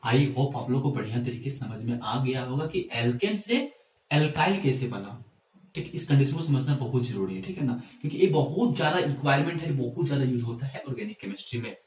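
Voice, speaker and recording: A man's voice: medium pitch, a little mellow, slight background noise. A male chemistry teacher giving a whiteboard lesson, asking and answering his own questions and checking in with students. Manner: asks and answers his own questions, repeats "theek hai". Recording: echoey room, mic at a distance.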